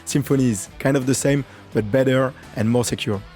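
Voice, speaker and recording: A man's voice: mid-range voice, steady tone, a little fast, a little mellow. A man hosting an interview, introducing his guest and asking questions in a hesitant way, full of fillers. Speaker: podcast host. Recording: faint guitar music behind.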